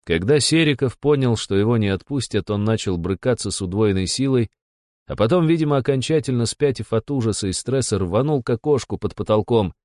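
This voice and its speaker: A man's voice: medium pitch, expressive, a little fast, a little mellow, no echo. Man narrating a wry audiobook, dry sound. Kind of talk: first-person audiobook narration.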